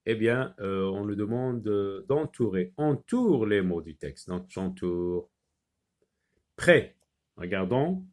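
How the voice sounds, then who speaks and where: A man teaching a phonics lesson to young children, saying each word slowly and repeating it so the pupils can follow. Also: on the low side, lively intonation, mellow. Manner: slow, deliberate, repeats words for pupils.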